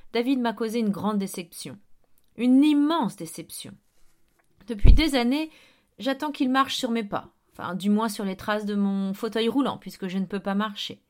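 A woman reading an audiobook, voicing a blustering middle-aged man in a wheelchair who barks and gets excited. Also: fairly high pitch, close to an everyday voice. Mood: eager. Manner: barking, excitable, bossy.

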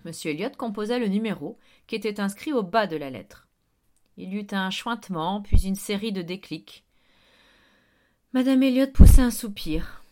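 A woman narrating a story for an audiobook in a steady, measured way. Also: mid-range voice.

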